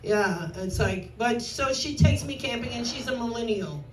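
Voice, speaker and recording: A woman's voice: fairly high pitch, animated, normal speed, a little hiss or hum. A woman in her sixties with a New York accent, doing a brash, self-mocking stand-up set on a club stage. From New York, USA. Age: 60s. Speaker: stand-up comedian. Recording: roomy club sound from far off.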